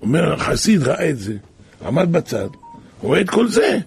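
Heavily gravelly and very husky, a slightly high male voice delivers a spoken sermon of old rabbinic tales in a sing-song, colloquial way. He keeps repeating "he says" as he tells them and gets loud at the dramatic points.

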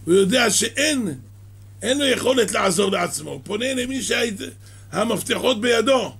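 A man giving a sermon that explains a midrash, halting and restarting his words and coughing now and then. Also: high-pitched, expressive, gravelly, a bit bright, slightly rough. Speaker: religious teacher.

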